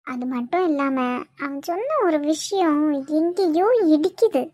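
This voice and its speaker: A worried young cartoon woman, as a woman voices her, confiding in a troubled, pleading way with a Kanyakumari Tamil accent. Her voice sits very high, and the sound is dry. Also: lively intonation, unhurried, a little mellow, dry recording.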